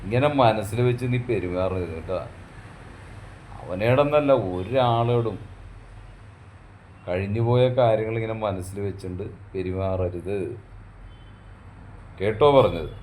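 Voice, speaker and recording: A man playing a husband in a domestic skit, coaxing and gently scolding his wife in an affectionate way. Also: sits low, a little slow, long pauses, a little hiss or hum.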